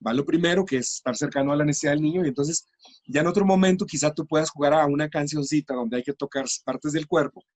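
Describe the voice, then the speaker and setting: A man's voice: on the high side, fast, darkish tone, no echo. A middle-aged man, a teacher trainer explaining classroom practice patiently in an interview.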